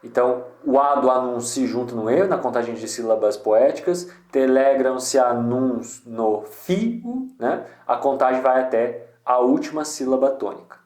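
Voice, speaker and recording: A man's voice: mid-range voice, normal speed, hardly any pauses, a little mellow, roomy sound. A man giving a casual screen-share tutorial, thinking aloud with many restarts. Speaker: poetry channel host.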